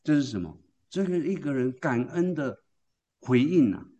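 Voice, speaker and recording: A man's voice: fairly high pitch, expressive, normal speed, dark tone, highs cut off. A man preaching a sermon. He tells the story emphatically and keeps asking the congregation questions, then answering them himself.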